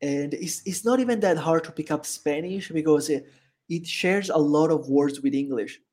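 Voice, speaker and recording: This podcast guest from Italy speaks English with an Italian accent in a slightly high voice, at normal speed. Chatting through a casual interview, he's an animated storyteller who laughs often.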